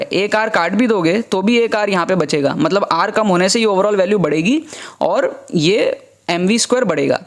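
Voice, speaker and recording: Chatty young male exam tutor. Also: sits high. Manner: chatty, repeats points, says "ठीक है ना" often. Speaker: exam prep teacher. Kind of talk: casual online lesson.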